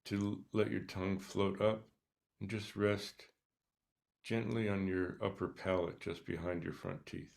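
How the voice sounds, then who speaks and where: A man leading a guided meditation, speaking softly and calmly with long pauses between short instructions. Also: low voice, vocal fry. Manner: slow, calm, soft-spoken instructions with pauses. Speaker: meditation teacher.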